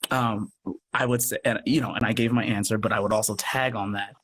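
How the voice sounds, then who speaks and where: Here the guest speaks fairly quickly in a fairly low voice with fairly even intonation, a fairly bright tone and a breathy edge. He's a radio play producer chatting casually on a noisy livestream call, effusive and earnest, repeatedly looping back over what he's said.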